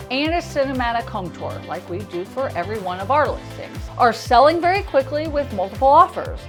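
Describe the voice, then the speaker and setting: An American woman with a lisp and whistling s sounds, presenting a scripted explainer to camera as a realtor and host. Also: sits high.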